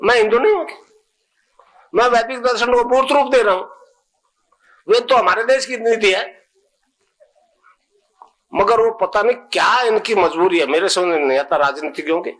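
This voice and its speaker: A man's voice: high-pitched, a bit bright, poor audio. A man giving a sermon as a spiritual guru, repeating phrases for emphasis and asking rhetorical questions. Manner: slowly chants and spells out mantra syllables. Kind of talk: sermon to a gathering.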